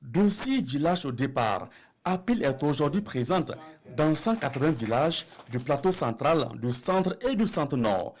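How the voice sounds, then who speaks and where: A man's voice: a little high, expressive, unhurried, a little mellow. A man narrating a television news report with a formal delivery.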